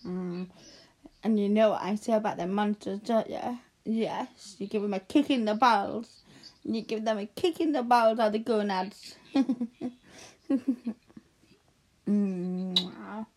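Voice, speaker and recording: Soothing breathy woman in ASMR roleplay. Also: medium pitch. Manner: soft, soothing, slow and hushed, often drifting into whispers.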